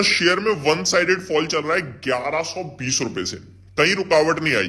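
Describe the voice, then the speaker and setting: A man's voice: medium pitch, fairly bright tone. A man talks viewers through stock price levels in a casual, chatty market update, calling them friends and mixing in English terms. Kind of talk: casual market analysis video.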